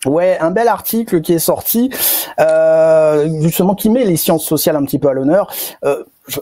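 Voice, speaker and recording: A man's voice: on the high side, moderate pace, mellow. A man commenting on a casual talk-radio show, speaking emphatically and repeating words for stress.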